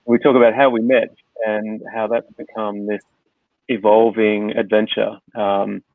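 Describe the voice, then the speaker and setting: Gravelly-voiced man hosting over a tinny line. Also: fairly low pitch, unhurried, dry recording. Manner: relaxed, rambling with many fillers. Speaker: podcast host. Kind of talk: casual conversational interview. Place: home in Hong Kong. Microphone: video call. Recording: dry, tinny phone-like line.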